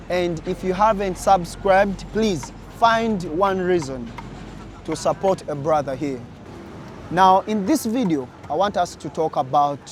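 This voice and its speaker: A young man from Uganda speaks to his viewers at a very slow, deliberate pace, his voice sitting a little high. He sounds earnest and direct, recorded outdoors with faint street noise behind him. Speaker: vlogger. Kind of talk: casual talk to camera.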